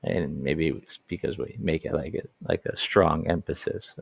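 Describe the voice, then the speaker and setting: A man teaching an online English lesson, talking in a halting way with many restarts and slow, stressed words. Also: a bass voice, fairly even intonation, vocal fry, breathy edge, dry recording.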